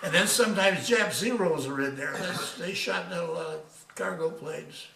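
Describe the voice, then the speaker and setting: An elderly man in his nineties with a high, bright voice reminisces as an old veteran remembering. He speaks haltingly, circling back over his words. The recording is echoey and distant from the microphone. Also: vocal fry, a little hiss or hum. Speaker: retired army major, war veteran. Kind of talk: reminiscing in a casual interview.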